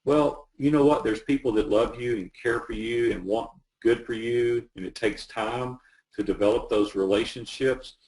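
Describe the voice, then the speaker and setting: Gravelly earnest man telling stories. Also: mid-range voice, moderate pace, poor audio. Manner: earnest, animated storyteller. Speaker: business coach. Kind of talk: casual interview storytelling.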